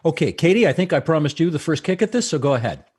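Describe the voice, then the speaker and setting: A man's voice: a little high, very animated, quick pace, darkish tone, husky. A middle-aged man hosting a public online presentation from a home office over a video call, a friendly moderator who jokes. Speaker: host. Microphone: video call with earphones and desk mic.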